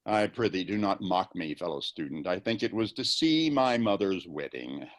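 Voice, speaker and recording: A man playing Hamlet, a grieving, brooding young prince, in a Shakespearean dramatic reading over a video call, with deliberate theatrical phrasing. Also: low-pitched, big pitch swings. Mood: bitter, grieving. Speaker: amateur volunteer actor.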